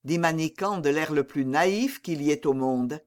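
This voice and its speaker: A woman narrating a classic novel as an audiobook, with measured, expressive storytelling. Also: deep voice.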